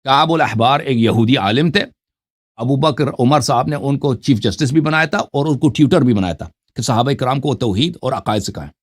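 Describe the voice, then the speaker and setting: A man arguing insistently in a heated debate, lecturing and cutting in. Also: mid-range voice.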